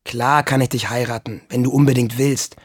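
A man's voice: mid-range voice, steady tone, moderate pace, breathy edge, dry recording, studio quality, natural voice. Man voicing an easygoing farmhand, friendly and coaxing, storybook audiobook.

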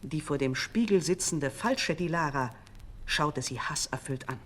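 A woman reads a fairy tale aloud with dramatic expression. Her low voice swoops widely as she narrates each turn of the story. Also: expressive, unhurried.

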